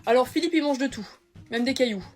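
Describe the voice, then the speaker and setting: Brief: woman, high voice, comic sketch performer playing exaggerated everyday types. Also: quick pace, a little mellow, faint music behind. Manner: switches between exaggerated everyday characters. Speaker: sketch comedian. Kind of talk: comedy sketch.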